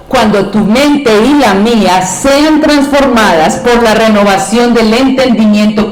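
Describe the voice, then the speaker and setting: Impassioned woman preaching in an echoey room. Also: darkish tone. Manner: impassioned, acts out quoted pleas in a high voice. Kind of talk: sermon. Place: church.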